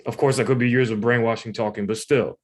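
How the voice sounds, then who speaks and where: Guy reading out his own essay, mid pitched voice, pretty informal and conversational. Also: steady tone, quick pace. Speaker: writer reading own submission. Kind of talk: reading a personal essay aloud.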